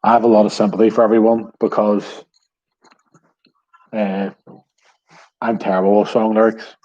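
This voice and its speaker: Wry quiz host, low and mellow. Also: male voice, little pitch movement, normal speed, muffled recording. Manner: wry, self-deprecating, chuckling. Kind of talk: casual online quiz hosting.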